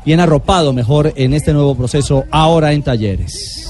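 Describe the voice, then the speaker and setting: Man, moderately high voice, sports co-host, conversational radio commentary. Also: normal speed, very noisy.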